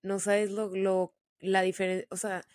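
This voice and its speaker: A woman's voice: mid-range voice, flat delivery, a little mellow, no echo, studio quality. A young woman hosting a podcast, chatting casually with slang. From Monterrey, Mexico. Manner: chatty, slangy, quick storytelling. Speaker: podcast host.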